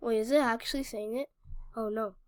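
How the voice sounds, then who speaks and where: High-pitched excitable woman gaming. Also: fairly quick, no room sound. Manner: excitable, talks back to the game, slangy; scattered, restarts and stammers. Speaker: gaming channel host. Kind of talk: casual Minecraft gameplay commentary.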